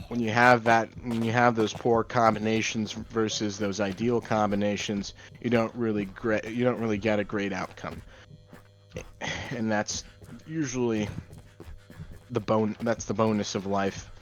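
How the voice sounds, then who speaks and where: A young man doing gameplay commentary in a deadpan monotone, rambling through offbeat musings. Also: fairly low pitch. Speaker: gaming channel host.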